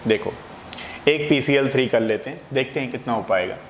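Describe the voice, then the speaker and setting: Speaking a little fast at medium pitch, a man teaches chemistry lecture-style, explaining step by step and answering his own questions. There's echo in the room and faint background noise.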